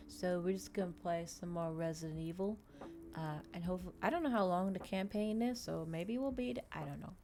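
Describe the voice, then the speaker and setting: Chatting casually with her viewers, this VTuber livestream host rambles along and keeps repeating and rephrasing what she says. Her voice is medium-pitched and warm, with a bit of background noise in the recording.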